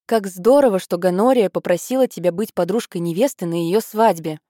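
A woman voicing an eager, gushing teenage girl in an audiobook, higher and breathless with excitement. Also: moderate pace, dry recording, clean studio sound, close to an everyday voice.

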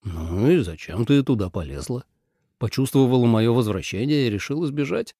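A man voicing a self-assured male god of war who asks plain, blunt questions in a somewhat lowered voice in an audiobook. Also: expressive, normal speed, warm tone, no room sound, clean studio sound. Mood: calm.

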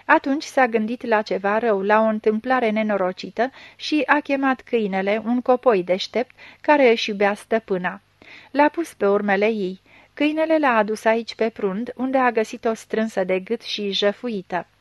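A woman narrating a story in a measured, even reading. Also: a little high, dry recording, highs cut off. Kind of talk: audiobook reading.

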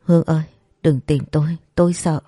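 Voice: mid-range voice, steady tone, fairly quick, dark tone, no room sound, studio quality, natural voice. The narrator voicing a frightened older man who sees ghosts, speaking in a tearful, pleading way. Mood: terrified. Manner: trembling, tearful, fearful pleading. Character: frightened old man haunted by visions.

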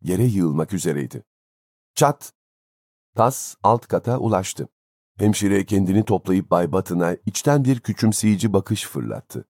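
A man reading a story aloud as an audiobook narrator, in a measured, expressive way. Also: low voice, no room sound, clean studio sound. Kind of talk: scripted narration.

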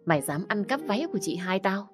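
A woman's voice: mid-range voice, animated, fast, soft background music, close to an everyday voice. A woman voicing a cruel young woman who taunts and mocks. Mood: taunting.

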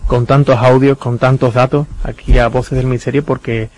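A man's voice: mid-range voice, level tone, moderate pace, darkish tone, rough recording. A man hosting a Spanish radio show about the paranormal, guiding his guests with questions. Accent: Spanish (Spain). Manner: guides guests, asks questions. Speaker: radio host.

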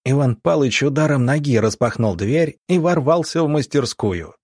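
This is a man narrating an audiobook. His voice is mid-pitched and husky, and it sits dry and close to the mic. He reads steadily and with expression. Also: expressive, normal speed, darkish tone, dry recording.

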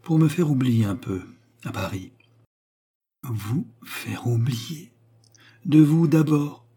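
A man's voice: mid-range voice, animated, normal speed, mellow, husky. A man reading aloud and voicing a scheming young widow who feigns distress in a dramatic, pleading way. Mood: cold.

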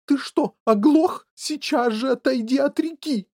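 A man's voice: extremely high pitch, measured pace, mellow, pitched above the performer's own voice, exaggerated voice. Field: story. Figure: a man playing a frantic, shrieking doting mother. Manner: shrieking and wailing.

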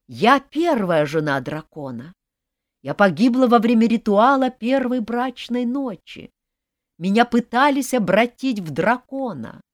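High, wavering ghost brides begging in urgent, shrill voices, all done by a woman reading an audiobook. The sound is dry and close to the mic, with the pitch swooping and lively. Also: no echo. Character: chorus of pleading female ghost brides.

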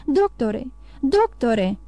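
A woman's voice: high-pitched, big pitch swings, dark tone, no echo, faint music behind. A woman voicing a desperate male royal prosecutor and father, calling out urgently.

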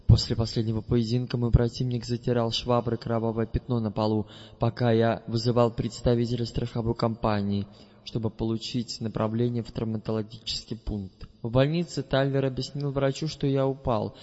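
A man's first-person audiobook narration is deliberate and measured, his mid-pitched voice delivered flatly with a darkish tone. Long reverb trails each phrase on a dull, slightly muffled, lo-fi recording.

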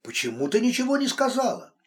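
A man's voice: extremely high pitch, wildly swooping pitch, quick pace, pitched above the performer's own voice, exaggerated voice. A man voicing a stern, worried man who scolds and comforts a friend brusquely. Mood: exasperated. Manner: brusque, exasperated.

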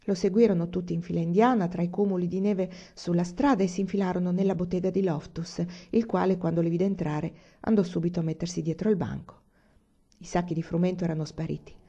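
A woman reading a novel aloud as an audiobook narrator, in an even storytelling manner. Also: lowish voice, quick pace. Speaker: audiobook reader. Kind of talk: scripted narration. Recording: dull lo-fi recording.

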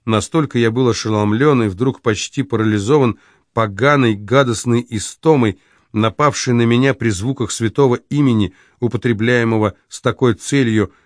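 A man reading a novel aloud in a measured, expressive narration. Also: fairly low pitch, no room sound, clean studio sound. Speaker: audiobook narrator. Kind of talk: scripted narration.

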